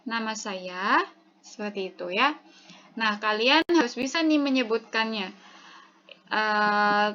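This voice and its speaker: A woman teacher giving a patient recorded lesson, explaining each phrase slowly and plainly. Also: medium pitch, a bit bright. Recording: dull lo-fi recording.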